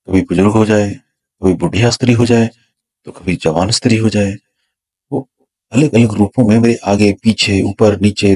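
A man, a spiritual teacher, slowly and dramatically telling of his own spiritual experience, repeating words to build suspense. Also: low-pitched, a little mellow, slightly rough. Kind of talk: storytelling a personal spiritual experience.

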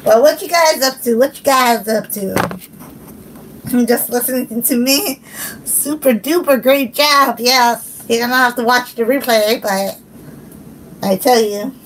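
A woman's voice: on the high side, a little slow, noisy background. Giggly young woman chatting with viewers. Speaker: livestream host. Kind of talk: casual livestream chat with viewers.

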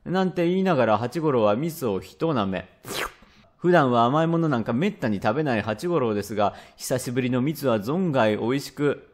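Man telling a rakugo tale. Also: medium pitch. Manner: measured, lively narration. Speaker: storyteller. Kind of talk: rakugo storytelling.

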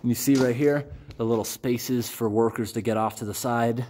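A man's voice: medium pitch, steady tone, normal speed, noisy background. A man exploring abandoned railroad tunnels on foot, chatting casually to viewers as he walks. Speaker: urban explorer vlogger. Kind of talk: walking commentary.

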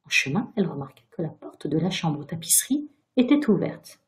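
A woman storyteller reading a tale aloud to children, expressive and speaking directly to her young listeners. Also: on the low side, brisk.

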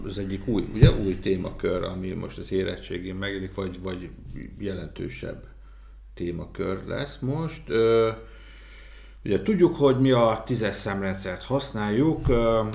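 A man explaining math terms to exam students with everyday examples, pausing often with fillers. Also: deep voice, creaky, darkish tone, echoey room, slight background noise. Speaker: math tutor. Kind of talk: casual exam-prep explanation.

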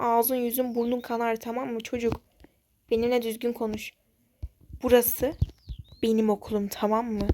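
A woman voicing a bossy schoolboy bully in a toy-game role-play story, loudly issuing threats and orders. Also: a little high, slight background noise, natural voice. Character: loud bossy schoolboy bully, self-declared boss.

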